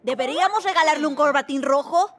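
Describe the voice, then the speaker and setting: A woman voicing an eager, energetic young penguin boy in a children's cartoon. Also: high voice, quick pace, natural voice. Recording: children's music behind the voice.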